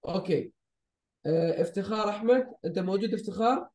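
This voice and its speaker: A man teaching a live online language class, drilling short phrases slowly and patiently. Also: high voice, darkish tone. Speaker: Arabic teacher. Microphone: video call.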